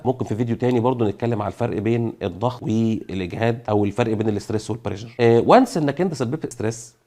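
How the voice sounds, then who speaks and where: A man's voice: mid-range voice, darkish tone. A man with an Egyptian Arabic accent, explaining an engineering topic in a casual lesson, full of fillers and everyday comparisons. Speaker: engineering educator.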